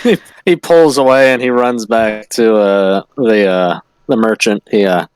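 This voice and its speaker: A man's voice: on the low side, unhurried, clear, resonant tone, dry recording, poor audio. A man describing his character's actions in a loose, casual way as a tabletop player. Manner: loose, uses "like" a lot. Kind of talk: casual play narration.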